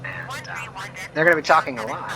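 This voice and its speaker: A man's voice: medium pitch, very animated, a little fast. A man giving casual, rambling flight simulator commentary, thinking aloud as he plays. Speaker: flight simulator streamer and reviewer. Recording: clear engine drone and noise.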